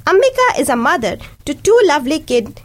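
A young woman from India hosts a community radio show in a bright, friendly way. Her voice sits a little high and swings widely in pitch. She speaks English as a second language after Hindi and Urdu. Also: brisk. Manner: friendly, lively and welcoming. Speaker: radio host. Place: radio studio.

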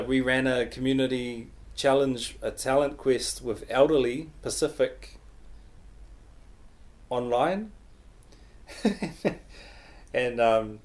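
A man speaks as a guest in a casual interview. His voice sits at a middle pitch, and he explains things in an easygoing, slightly hesitant way. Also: a little mellow. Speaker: guest, public health worker.

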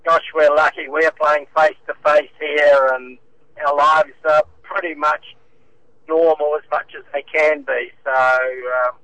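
Radio guest phoning in from his car: a New man on a speakerphone, bright and fairly high, relaxed and chuckling. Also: a little slow, poor audio. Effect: speakerphone call from a moving car. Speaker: bridge association chairman, radio guest. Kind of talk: casual phone-in chat.

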